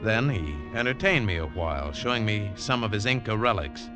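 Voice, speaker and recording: In an old 1940s radio broadcast with background music, a lead actor narrates as a hard-edged, guarded American adventurer on a treasure hunt, using clipped hardboiled delivery. His voice is fairly low, natural, animated and a little fast, carrying an intense, brooding mood.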